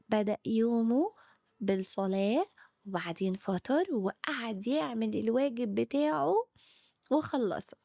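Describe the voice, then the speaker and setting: A woman with an Egyptian Arabic accent telling a bedtime story to children, expressive and speaking to them directly. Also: a little high, no room sound, studio quality. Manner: warm addressing of children, expressive.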